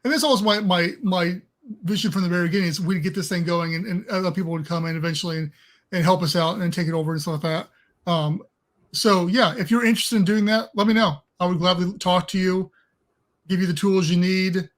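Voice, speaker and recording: A man's voice: sits high, fairly even intonation, brisk. A man co-hosting a live stream, chatting casually with informal, folksy phrasing.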